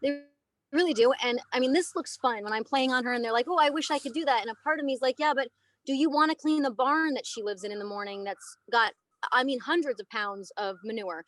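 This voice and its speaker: This high, quick-paced voice belongs to a US woman in her thirties who trains elephants and performs as an aerialist. Recorded dry, she chats in a podcast interview, telling animated, emphatic stories in a casual way.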